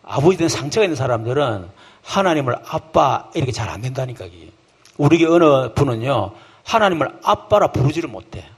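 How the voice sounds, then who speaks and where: A male pastor giving a lively, folksy sermon full of rhetorical questions, acting out voices of believers and children. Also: mid-range voice, brisk, breathy edge. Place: church camp hall.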